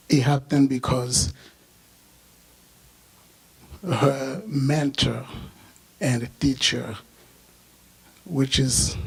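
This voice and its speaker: Young Congolese-born man, slow and gravelly, halting memorial speech. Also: mid-range voice, poor audio. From Democratic Republic of the Congo. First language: not English. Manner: halting, many "uh" fillers. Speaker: memorial speaker. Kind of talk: personal remembrance speech. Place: memorial service hall.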